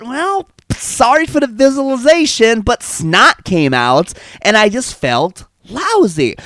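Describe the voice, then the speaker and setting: A man's voice: high-pitched, fairly bright tone, no echo. A man hosting his own podcast in a chatty, sarcastic, rambling monologue, still slightly stuffy from a cold. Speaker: podcast host. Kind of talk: casual solo podcast monologue.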